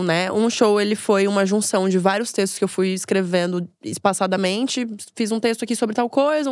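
A woman from Brazil, a stand-up comedian, chatting as a guest and telling lively stories with acted-out asides. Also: medium pitch, no room sound, studio quality. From Florianópolis, Brazil. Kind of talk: casual interview chat.

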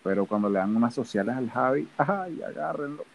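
A man's voice: mid-range voice, animated, a little fast, creaky, poor audio. A man with a Venezuelan accent co-hosting a podcast, talking in a playful, rambling, chatty way. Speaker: podcast co-host. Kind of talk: casual chat.

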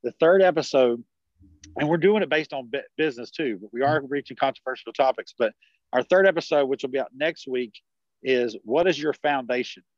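A man's voice: mid-range voice, brisk, no echo, lo-fi sound. A man in his forties from South Carolina with a rural South Carolina accent, a podcast guest talking in a rambling way over a video call. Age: 40s. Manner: rambling, many restarts and fillers. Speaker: podcast guest, network marketer. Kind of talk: casual conversational interview.

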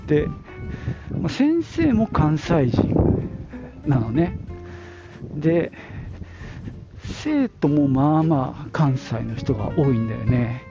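A man's voice: mid-range voice, creaky. A man hosting a casual solo podcast, thinking aloud and musing with many fillers. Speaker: podcast host. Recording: lo-fi with background music.

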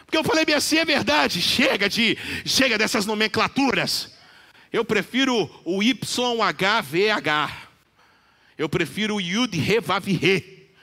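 High-voiced, bright male preacher in a reverberant church. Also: lively intonation, creaky. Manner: preaches with rising emphasis, quoting scripture with slow deliberate phrasing. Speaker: pastor. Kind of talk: sermon. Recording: long reverb of a church hall.

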